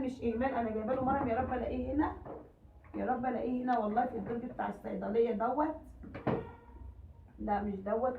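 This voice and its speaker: Egyptian woman vlogger, hoarse, rushed and high, pleading with viewers, far from the phone mic, echoey and tinny. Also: noisy background. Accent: Egyptian Arabic. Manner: emotional, pleading, rambling. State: hoarse from a cold. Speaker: cooking vlogger. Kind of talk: casual chat to viewers. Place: home.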